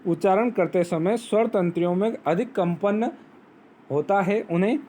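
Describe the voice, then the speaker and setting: A man teaching a grammar lesson, explaining step by step, asking questions and answering them himself, and reciting rules slowly. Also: sits high, warm tone, a little hiss or hum. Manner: recites Sanskrit sutras slowly. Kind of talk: Hindi grammar lesson on phonetics.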